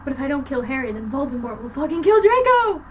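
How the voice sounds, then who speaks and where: Woman playing a hammy, shrill teenage goth girl. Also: very animated, quick pace, recorded from a distance, a little hiss or hum. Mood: angry, anguished. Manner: hammy stage acting, shrieking outrage. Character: melodramatic angsty teenage goth vampire girl.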